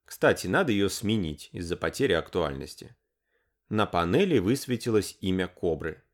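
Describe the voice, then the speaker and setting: A man narrating an audiobook novel in an expressive reading style. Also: deep voice, moderate pace.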